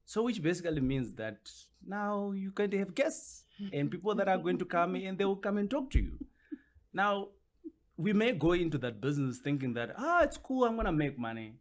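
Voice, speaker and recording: Lively man explaining business. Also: a little high. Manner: explanatory, repeats "which basically means". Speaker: interview guest. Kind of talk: podcast interview.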